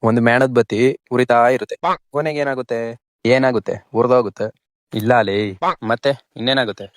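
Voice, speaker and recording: A man's voice: medium pitch, fairly even intonation, a little fast, no room sound, clean studio sound. A man posing silly trick riddles in a comedy bit.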